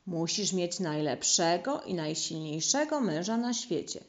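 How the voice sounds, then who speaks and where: A woman voicing an anxious, fussy father mouse in a storybook, calling out loudly and eagerly. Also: fairly low pitch, animated, measured pace.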